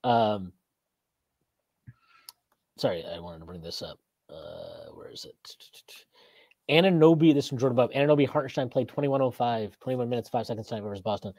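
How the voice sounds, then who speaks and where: Podcast host, man, 30s, lively and rambling, reads chat comments, laughs a lot, dry webcam audio. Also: mid-range voice, moderate pace, vocal fry, pauses often, dry recording. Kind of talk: casual postgame chat. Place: small room indoors. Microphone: video call webcam.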